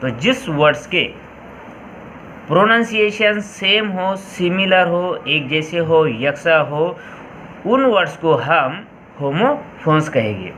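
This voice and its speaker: An Indian male school teacher talks through an English vocabulary lesson, repeating each point and spelling words out letter by letter. His voice sits a little high and sounds bright and forceful. A faint ambience hums behind him. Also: highs cut off, slight background noise.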